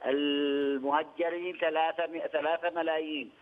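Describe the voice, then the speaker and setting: A man's voice: a little high, flat delivery. Older man over a tinny phone line. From Yemen. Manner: measured, repeats phrases, hesitant fillers. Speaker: studio guest, former press union head. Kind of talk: remote news interview.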